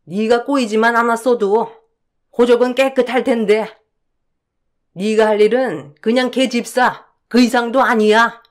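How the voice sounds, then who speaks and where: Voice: medium pitch, a little slow, natural voice. A voice actor playing a sneering spiteful mother-in-law. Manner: sneering, scolding. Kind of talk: radio drama acting.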